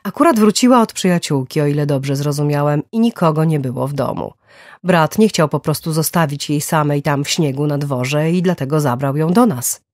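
A woman voicing a man who calmly explains what happened, in an audiobook thriller. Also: low voice, normal speed, dry recording, clean studio sound, natural voice. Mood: explaining. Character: calm explaining man, the brother.

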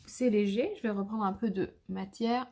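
A woman's voice: mid-range voice, fairly even intonation, normal speed, darkish tone. A woman, a makeup artist talking viewers through a makeup tutorial step by step in a chatty way. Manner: chatty, shows each step.

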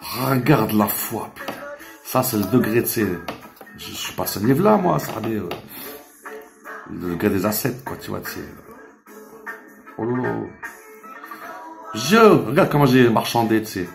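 A man's voice: on the low side, big pitch swings, moderate pace, creaky, long pauses, over music. A man telling a rambling, emotional story in a casual monologue, dropping Arabic religious expressions and swearing as he goes. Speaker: vlogger.

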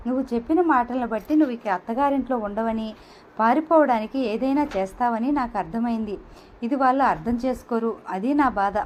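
A woman reading a hurt, quick-tempered young woman. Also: on the high side, a little hiss or hum, lightly acted, low-quality recording. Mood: pleading. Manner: pleading, reproachful.

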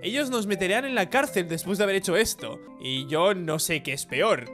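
Weary older brother from a game read by a man; flat, glum delivery. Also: sits high, normal speed, faint music behind. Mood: gloomy.

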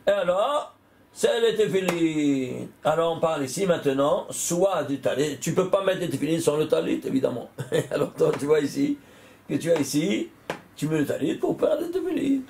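An older man, a rabbi, giving an animated Torah lesson, working through numbers aloud and breaking into excited exclamations and questions to his listeners. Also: a little high, normal speed, gravelly, slight background noise. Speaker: rabbi teaching Torah and Kabbalah.

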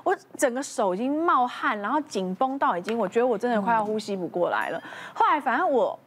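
A woman panelist on a medical talk show, telling a personal story in animated style and acting out her own panicked words with stammers. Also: a little high, quick pace, a little hiss or hum.

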